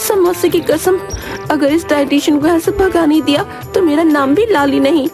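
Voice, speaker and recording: A woman's voice: high-pitched, moderate pace, over music. A woman voicing a cheeky young bride who is always hungry, with a whiny, pleading way of talking. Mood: greedy.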